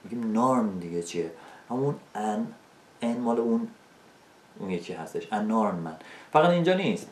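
A man with Persian as his first language teaching an English video lesson, asking rhetorical questions and slowing down for spoken examples. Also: mid-range voice, lively intonation, a little mellow, reverberant, a little hiss or hum.

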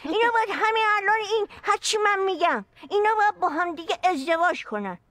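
A woman's voice: very high voice, expressive, fairly bright tone, no room sound. An actress playing a blunt, commanding mother who insists two people marry at once. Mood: bossy. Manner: commanding, teasing.

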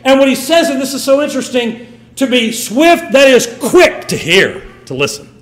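A man's voice: very high voice, sing-song, normal speed, echoey room. A man preaching a sermon with emphatic, swinging delivery. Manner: emphatic, rising and falling delivery.

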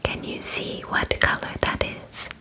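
Close to a microphone positioned in front of the camera, a twenty-something woman in a small indoor bedroom performs an ASMR roleplay as a calm, clinical alien examiner. Her delivery is slow, formal and gently methodical, with carefully precise wording.

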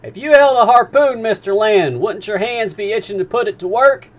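A man's voice: high-pitched, moderate pace, voice pushed up, natural voice. A man reading aloud as a stern, mysterious sea captain who speaks formally and with authority. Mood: commanding. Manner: formal, commanding.

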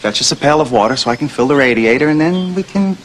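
A man's voice: medium pitch, animated, fast talker, slight background noise, close to an everyday voice. An actor playing an impatient travelling man in a TV musical comedy, grumbling in exasperation. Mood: exasperated. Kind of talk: live-action TV musical comedy acting.

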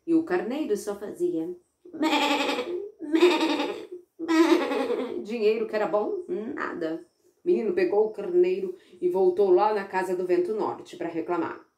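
A woman narrating a children's story in an animated, sing-song, playful way. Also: medium pitch, normal speed. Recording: roomy echo.

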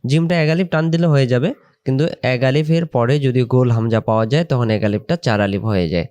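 A man teaching Quran pronunciation, explaining patiently and repeating syllables with drawn-out recitation. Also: medium pitch, darkish tone.

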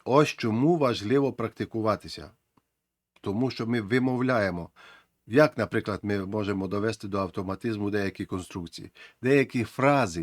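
A man's voice: mid-range voice, no echo, studio quality. A man teaching a lesson, earnest and encouraging, repeating his key phrases. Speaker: English teacher.

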